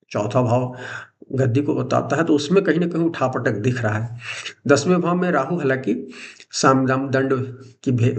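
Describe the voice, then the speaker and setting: A middle-aged man explaining astrology in an informal teaching talk, often restarting words as he goes. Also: medium pitch.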